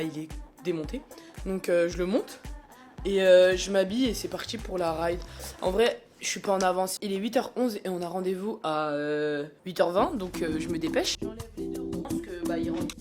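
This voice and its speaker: Female cycling vlogger, French accent, lower register, casual upbeat chat to a phone camera, faint music underneath. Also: moderate pace, a little mellow. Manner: chatty and upbeat, full of fillers.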